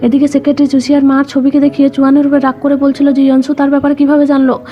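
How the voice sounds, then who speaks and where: Flat high-voiced woman narrating a drama recap. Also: very fast. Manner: reads quoted dialogue in the same even narrating voice. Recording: dull lo-fi voice-over with background music.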